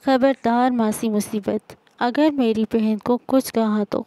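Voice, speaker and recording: A woman's voice: a little high, steady tone, mellow, dry recording, lightly acted. A woman reading the lines of a protective young man who teases and shields his sister. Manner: brusque, protective. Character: young man, teasing protective older brother.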